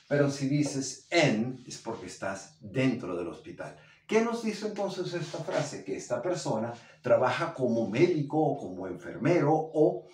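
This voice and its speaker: A man teaching English pronunciation to Spanish speakers, drilling words by repetition in an animated way. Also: mid-range voice. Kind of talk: language lesson. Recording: roomy echo, somewhat far from mic.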